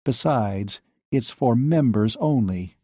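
Brief: man putting on an icy, acerbic young woman, storybook reading, warm dry low tone. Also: animated, takes it slowly, breathy edge, no echo. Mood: cold. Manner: clipped and cutting. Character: cold, acerbic young woman bar owner.

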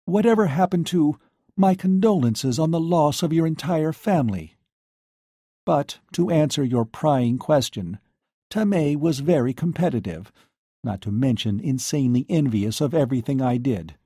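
A man's voice: on the high side, lively intonation, moderate pace, dark tone, husky, dry recording, clean studio sound, pitched above the performer's own voice. A man reading an audiobook, voicing a young woman bar owner who speaks coldly and acerbically. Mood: sharp. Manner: clipped and cutting.

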